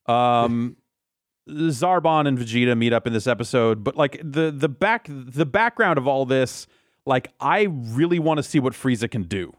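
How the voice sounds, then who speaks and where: A man's voice: medium pitch, animated, unhurried, no echo, clean studio sound. A man co-hosting a podcast, recapping a cartoon in a casual chat, rambling and swearing with lots of restarts. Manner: rambling, profane, many restarts. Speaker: podcast co-host.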